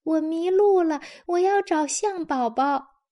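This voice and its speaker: A woman reading a storybook, voicing a small lost teddy bear that cries for help in a high pleading voice. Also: slow, mellow.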